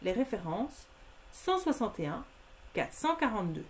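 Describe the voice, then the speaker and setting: A woman's voice: fairly high pitch, sing-song, moderate pace, slight background noise. A woman presenting craft products in a live stream, methodically listing discounts and prices and speaking familiarly to her viewers.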